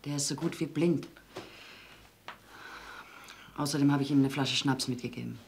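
Brisk, controlling shopkeeper's wife in a 1970s TV crime drama, hissy old soundtrack. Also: female voice, extremely low pitch, fairly even intonation, a little mellow. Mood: coaxing, firm. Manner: brisk, insistent commands. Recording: old TV sound with clear hiss.

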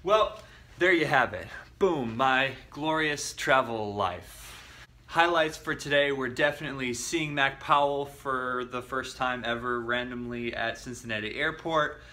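A man's voice: mid-range voice, unhurried, bright, forceful tone. A young man chatting upbeat and playful into a handheld camera as he travels. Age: young adult. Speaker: vlogger. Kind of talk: casual travel vlog. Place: airports, plane, car, hotel room. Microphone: handheld camera at arm's length.

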